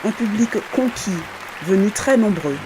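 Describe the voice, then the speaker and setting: A woman reporter reading a scripted voice-over narration in an even, composed manner. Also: medium pitch, unhurried, over music, crowd noise.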